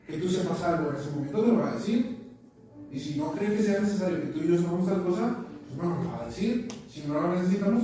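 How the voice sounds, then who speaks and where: A man's voice: high-pitched, warm tone. A man preaching a sermon, telling stories and repeating words as he searches for them. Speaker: pastor. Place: church meeting room. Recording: echoey church room from far off, faint noise.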